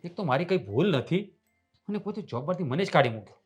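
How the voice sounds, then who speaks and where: An actor playing a frustrated, irritable husband in a Gujarati stage play, quick to shout. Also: male voice, on the high side, big pitch swings, slightly rough, faint music behind. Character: frustrated husband who lost his job.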